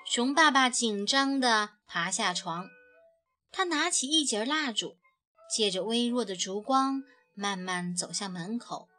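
A woman gently and expressively narrating a children's picture book. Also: a little high, animated, measured pace. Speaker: storyteller. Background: soft background music.

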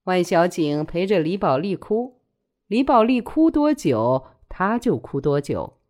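A woman's voice: on the low side, a little slow. A woman reading a novel aloud, voicing every character herself. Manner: expressive reader voicing all roles. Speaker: storyteller.

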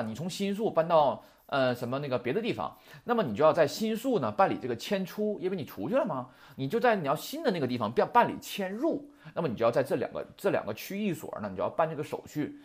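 A man teaching a Japanese vocabulary lesson in a chatty, heated way, full of rhetorical questions. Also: medium pitch. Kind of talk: casual lecture with rants.

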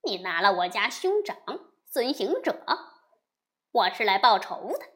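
A woman voicing a fearless male monkey king, shouting loud and defiant in a storybook reading. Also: mid-range voice, sing-song, measured pace.

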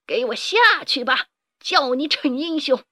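A woman puts on a bullying old field-mouse boss who brags and threatens, his voice high and jumping all over, recorded close and dry with no room sound. storybook villain. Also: animated, unhurried, bright, forceful tone, dry recording, exaggerated voice. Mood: taunting. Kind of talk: storybook character voice.

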